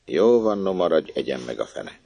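A man voicing a coarse, shouting peasant stepmother who scolds a little girl, in a story reading. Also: rumbling low, big pitch swings, creaky, full character voice. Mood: scolding. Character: coarse, shrieking peasant stepmother, middle-aged woman.

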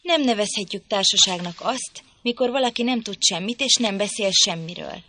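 A woman voicing a proud, irritable young lady in an audiobook, speaking in a sharp, commanding, petulant way. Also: medium pitch. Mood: irritated. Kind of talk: audiobook reading.

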